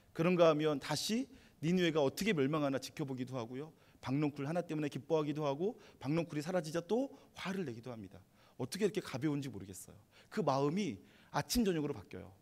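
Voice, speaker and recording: Storytelling male pastor, slightly high. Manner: conversational storytelling, animated retelling. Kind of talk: sermon.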